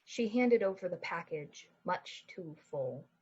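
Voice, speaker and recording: An exaggerated, low-sitting female voice, darkish and breathy-edged, unfolds slowly with lively intonation. She tells a suspenseful summer-night tale in the style of a 1940s radio drama, with measured suspense. Music runs under slightly muffled audio.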